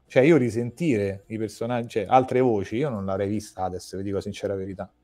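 Low, mellow-voiced male interviewer. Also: fairly even intonation, fairly quick, soft background music. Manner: chatty fan, rambling with restarts. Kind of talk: casual interview chat.

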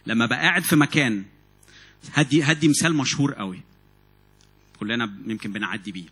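Fast, husky Egyptian preacher. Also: male voice, mid-range voice. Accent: Egyptian Arabic. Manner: animated, repeats and restarts words. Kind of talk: sermon. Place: church meeting hall.

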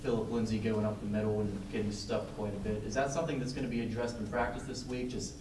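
A man's voice: fairly low pitch, level tone, fast. A man, a reporter, asking a coach long, carefully worded questions at a press conference. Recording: distant voice in an echoey room with hum.

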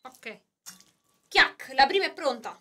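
A woman's voice: high-pitched, expressive, takes it slowly, pushed and bright. A young woman co-hosting a casual cooking live stream, playful and teasing, laughing often. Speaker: guest co-host.

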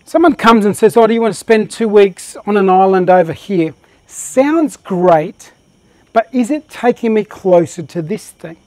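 Passionate high-voiced man presenting a workshop. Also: normal speed, no echo. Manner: passionate, energetic. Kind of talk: live motivational presentation.

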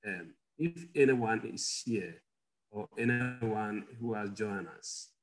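A middle-aged Ghanaian doctor, guesting on an interview via video call from his home office, tells personal stories, chuckles often and poses questions to listeners. His voice is fairly low and slow, and the audio is poor.

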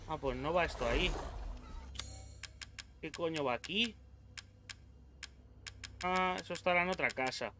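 A man's voice: on the high side, unhurried, pauses often, noisy background. A young man from Spain, doing horror game commentary, swearing and yelping when startled. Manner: jumpy, swears a lot, yells when startled. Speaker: gaming YouTuber.

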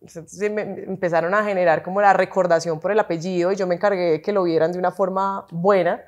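A woman in her thirties with a Colombian accent, a guest in an interview who talks frankly and chattily, often agreeing with quick repeated words. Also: on the low side, fairly even intonation. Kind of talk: casual interview chat.

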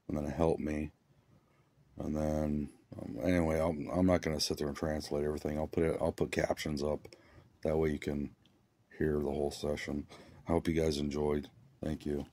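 A man's voice: a bass voice, level tone, fairly quick, mellow. A man casually explaining things as the host of a paranormal research vlog.

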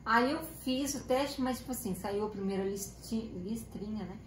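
A woman's voice: on the high side, normal speed. A young Brazilian woman telling a personal story to viewers in a chatty way, often correcting herself mid-sentence. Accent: Brazilian Portuguese. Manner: chatty, self-correcting, quotes family in dialogue. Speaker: vlogger. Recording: roomy home video with faint noise.

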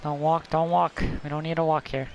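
A man casually commentating his own baseball video game, reacting out loud to each pitch and chatting with viewers. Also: little pitch movement, brisk, slight background noise, poor audio. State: throat irritation, clearing his throat. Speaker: gameplay commentator. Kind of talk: casual let's-play commentary.

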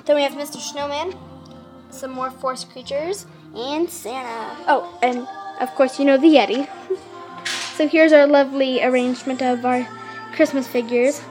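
A woman's voice: high-pitched, fairly even intonation, moderate pace, darkish tone, faint music behind, rough recording. A young woman chatting casually to viewers in a home holiday vlog, giggly and talkative, filming on a handheld camera. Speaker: vlogger. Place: family home at Christmas.

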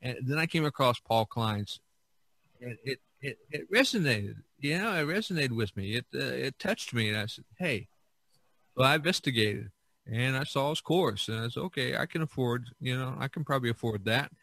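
A middle-aged podcast host and visual artist tells stories casually in conversation, his medium-pitched voice at a moderate pace with vocal fry on a dry recording. He rambles, often repeats himself, and gets animated when quoting other people.

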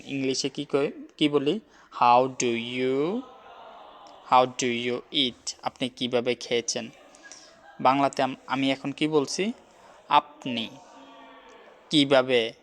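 A man's voice: mid-range voice, a bit bright. A man teaching a recorded video lesson, explaining grammar step by step and repeating each example sentence, with English words mixed in. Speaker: language teacher.

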